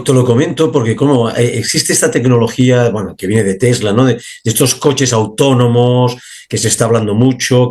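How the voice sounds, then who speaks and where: A man's voice: mid-range voice, darkish tone. A man hosting an interview, asking questions hesitantly, repeating words and agreeing often. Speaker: host.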